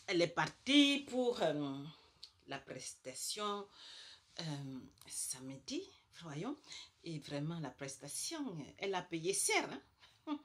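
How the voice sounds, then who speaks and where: In a lowish, very animated voice and at a slow pace, a woman performs a chatty comic rant to camera as a monologue persona. She's emphatic, repeats herself for effect, and tags sentences with little asides like "hein" and "quoi".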